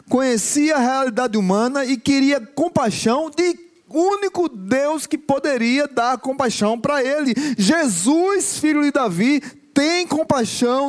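A man preaching a sermon to a congregation, building slow emphatic lists of repeated phrases and sometimes breaking into song. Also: very high-pitched, darkish tone.

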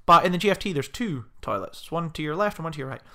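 A young man co-hosting a podcast in casual chat, animated and swearing often as he acts out the people in his stories. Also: on the high side, quick pace. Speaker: podcast co-host.

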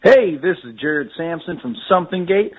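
A man's voice: on the high side, animated, normal speed. Man leaving a rambling phone voicemail. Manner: chatty, filler-laden, keeps saying "I gotta say". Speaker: caller to a podcast hotline. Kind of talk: casual rambling voice message. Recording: tinny phone-line voicemail.

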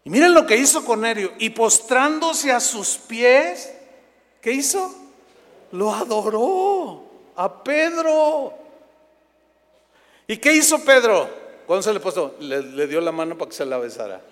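High-voiced animated preacher, reverberant church. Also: male voice, normal speed. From Mexico. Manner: animated, acts out biblical scenes in quoted voices. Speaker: pastor. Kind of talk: sermon. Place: church sanctuary.

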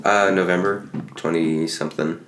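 A man's voice: low-pitched, steady tone, moderate pace, fairly bright tone, reverberant, a little hiss or hum. A man co-hosting a podcast in casual chat, teasing, jokey and often cutting in. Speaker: podcast co-host.

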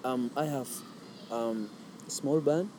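A man from Somalia, a musician being interviewed, speaking softly with frequent pauses and restarts. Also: mid-range voice, background noise. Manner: soft-spoken, halting, with frequent ums and repeats. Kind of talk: casual conversation.

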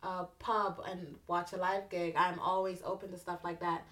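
A young woman from Antigua with a Caribbean accent, a musician guest in a casual interview, chatty and quick to laugh as she acts out her stories. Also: on the low side, little pitch movement, fairly bright tone.

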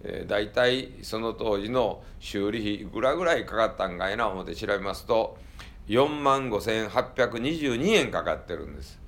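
A man's voice: on the low side, expressive, normal speed, fairly bright tone. A man with a Kansai accent, a temple monk giving a joking, folksy talk to a tour group.

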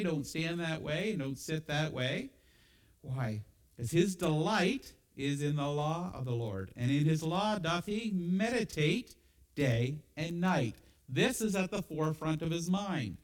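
Lively, animated male preacher. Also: on the high side, a little slow, rough recording. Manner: animated, asks the congregation rhetorical questions. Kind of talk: sermon.

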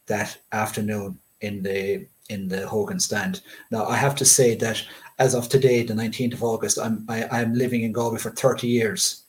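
A middle-aged Irishman from Limerick speaks in a west of Ireland accent. His pitch moves little as he reminisces about sport, laying out details in a measured, conversational way. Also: low-quality recording.

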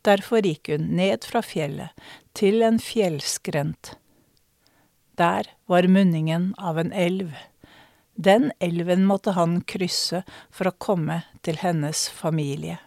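A middle-aged woman storyteller from Norway with a somewhat low voice. She speaks in a measured, reflective way and stretches some words for effect. The recording is close and dry, with no room sound. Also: vocal fry, darkish tone, no room sound. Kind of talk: spoken storytelling performance.

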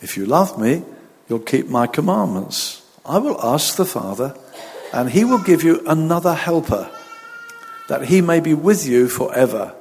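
A man, a pastor at a pulpit microphone, reading scripture, praying and preaching in a measured, deliberate way. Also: fairly high pitch, big pitch swings, darkish tone. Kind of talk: sermon with scripture reading and prayer. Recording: long reverb of a large hall.

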